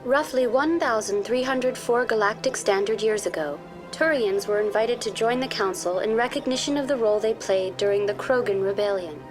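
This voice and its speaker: Over background music, a woman plays a video game's programmed virtual intelligence tour guide, speaking formally, courteously and with exact wording in scripted informational dialogue. Her pitch is medium and her pace moderate, with hardly any pauses and a lightly acted quality. She sounds polite and informative.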